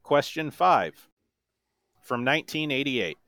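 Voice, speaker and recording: Man, podcast quizmaster, flat deadpan delivery, dry close-miked sound. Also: mid-range voice, dry recording. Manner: reads lyrics in a deliberate monotone. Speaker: quiz host.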